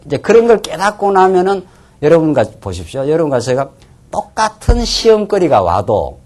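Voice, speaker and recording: A man preaching a Bible lecture as a pastor, animated, sometimes dropping to a near-whisper for emphasis. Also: fairly high pitch, moderate pace. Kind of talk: sermon-style Bible lecture.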